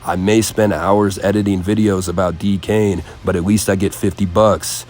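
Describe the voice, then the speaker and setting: A man narrating a commentary video in a deadpan, mocking way. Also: low voice, moderate pace. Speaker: commentary host. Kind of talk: scripted commentary voice-over.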